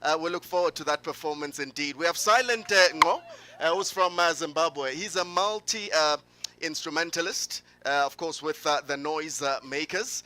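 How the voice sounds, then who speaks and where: A South African man who presents radio, announcing festival acts on stage with lots of filler pauses and bits of local languages. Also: on the high side, sharp tone, slight background noise. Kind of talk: live event announcement.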